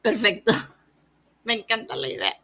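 A woman's voice: mid-range voice, a little slow, creaky. A woman, telling a funny story in casual chat and acting out the other person's lines, laughing often. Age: 30s. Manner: animated, acts out quoted dialogue, laughs often.

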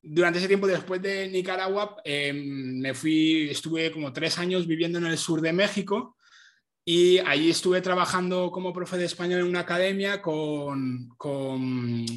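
A man, a teacher telling stories as a guest in an interview, lively and laughing often. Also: on the high side, a little slow. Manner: animated, laughs often, many restarts. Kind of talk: casual storytelling in an interview. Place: home.

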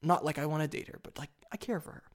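A nineteen-year-old man hosting a solo podcast, rambling eagerly with sudden excited leaps in pitch. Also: very fast. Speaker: podcast host.

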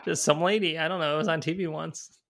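A man's voice: fairly high pitch, steady tone, quick pace, gravelly, a bit bright, a little hiss or hum. A man co-hosting a podcast, chatting casually in a wry, rambling way and often correcting himself mid-sentence. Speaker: podcast co-host. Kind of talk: casual chat.

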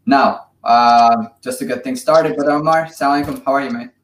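A man hosting a podcast in casual chat, friendly and halting with many fillers. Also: medium pitch, fairly even intonation. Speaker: podcast host. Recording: echoey room with faint noise.

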